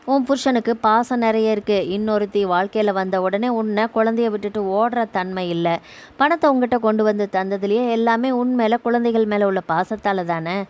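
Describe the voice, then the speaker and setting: A woman's voice: medium pitch, moderate pace, a little mellow, lightly acted. A woman reading as a scheming older male advisor. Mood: coaxing. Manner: persuasive, lecturing. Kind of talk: audio novel reading.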